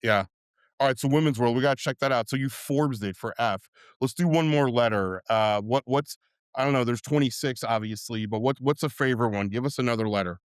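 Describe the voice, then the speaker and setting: A man hosts a casual podcast chat, easygoing and quick to agree. His voice is smooth and resonant at a middle pitch. The recording is close and dry. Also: dry recording. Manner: easygoing, affirming interjections. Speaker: podcast host. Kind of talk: casual interview.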